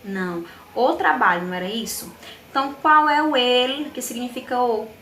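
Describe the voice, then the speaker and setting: A Brazilian woman with a Brazilian accent reviews Spanish exercises in a patient, explanatory way. Her voice is bright and a touch high. The room around her is echoey, with faint noise behind her. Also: expressive, a little fast. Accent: Brazilian Portuguese. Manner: patient, explanatory, frequent checks with "tá?". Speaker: Spanish teacher.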